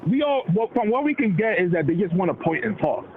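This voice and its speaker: Heard over a tinny, noisy phone-like line, a Dominican-heritage man with a high voice talks fast and animatedly about politics. His casual chat is full of slang, and he puts on voices when quoting others.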